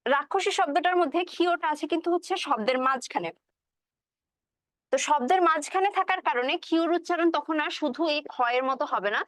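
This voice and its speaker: The teacher's voice sits high with a fairly bright tone, captured in a dry recording. In this classroom lecture on poetry and pronunciation, she explains a poem, slowly recites its lines, and answers her own questions.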